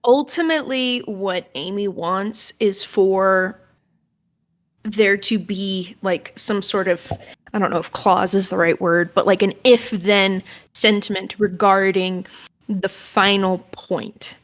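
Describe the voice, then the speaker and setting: A woman's voice: mid-range voice, steady tone, slow pace. A woman playing a tabletop role-playing game, chatting casually and rambling with lots of fillers. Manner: rambling, with many fillers and restarts.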